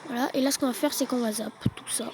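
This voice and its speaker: A woman giving relaxed, chatty play-by-play commentary on her own gameplay, with quick excited bursts. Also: fairly high pitch. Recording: noticeable background noise.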